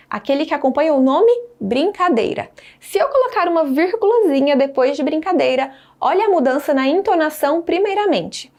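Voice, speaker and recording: Woman teaching a grammar class online, high voice, clear and careful. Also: darkish tone. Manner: clear, didactic, stresses example sentences. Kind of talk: scripted grammar lesson.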